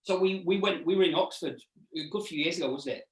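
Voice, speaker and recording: A middle-aged man, chatting casually as an interview guest and haltingly repeating words as he recalls things. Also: sits high. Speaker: restaurant owner and chef, interview guest. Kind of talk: casual interview chat, reminiscing. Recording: echoey room, distant mic.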